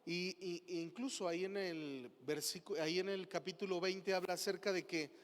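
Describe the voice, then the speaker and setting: A man's voice: sits high, steady tone, moderate pace. A man with a Mexican Spanish accent preaching a sermon as pastor, asking the congregation questions. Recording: long hall reverb.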